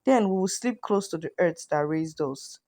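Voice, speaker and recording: A woman voicing a calm, determined young woman. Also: on the low side, normal speed, close to an everyday voice. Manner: calm and gentle.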